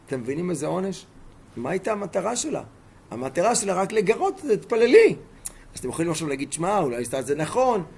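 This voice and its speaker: A man's voice: high voice, vocal fry, darkish tone, a little hiss or hum. A man teaching a Torah lesson as a rabbi, telling stories emphatically and throwing rhetorical questions at his listeners.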